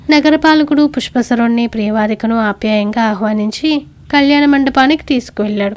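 A woman narrating a bedtime story in an even, gentle storytelling manner. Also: fairly high pitch.

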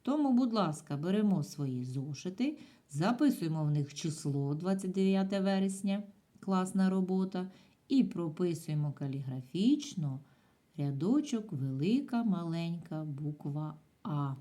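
A woman gives a video lesson to young schoolchildren, patient and clear. Her voice is mellow and slightly low. Her pitch swings widely in a sing-song teaching manner. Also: expressive, unhurried. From Ukraine.

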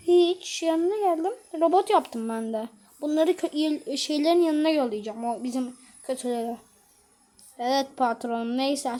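A woman, a YouTuber, voicing every character in a homemade episode with casual, playful banter and quick switches between voices. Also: high voice, mellow.

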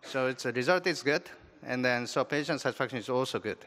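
Guy at a conference podium, bright edgy voice, stumbles and repeats himself a lot. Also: medium pitch. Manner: halting, repeats words, non-native phrasing. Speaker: surgeon presenting at a symposium. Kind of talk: panel discussion answers. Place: large conference hall stage at a podium. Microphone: podium microphone.

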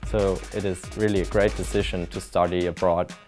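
A young man, a medical student, speaking to camera in a relaxed, enthusiastic way. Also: deep voice, fairly quick. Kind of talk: promotional testimonial to camera. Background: faint background music.

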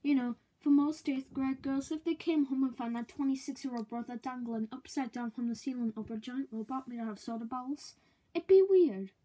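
An actress playing a cheerful, quick-witted teenage girl in a sitcom, with a lively, expressive comedic delivery. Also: sits high. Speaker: lead character. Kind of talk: sitcom acting.

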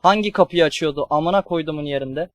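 A young man streaming a horror game, swearing and yelling at the enemies on screen. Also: fairly high pitch, fast, dry recording. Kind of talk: let's play commentary.

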